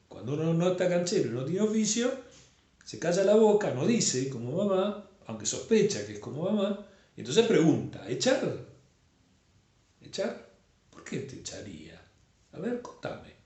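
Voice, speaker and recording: Animated Argentine man teaching. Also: fairly high pitch, normal speed. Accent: Argentine Spanish. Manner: animated, keeps checking with "¿sí?". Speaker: psychoanalysis teacher. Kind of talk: lecturing, answering a student. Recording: roomy echo.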